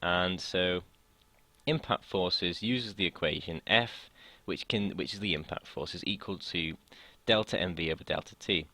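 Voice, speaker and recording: A young British student tutor talks through a physics lesson casually, his voice a bit croaky from talking so long, and he often hesitates and restarts sentences. His voice sits low and sounds pushed and bright, at a normal speed. The recording has no echo.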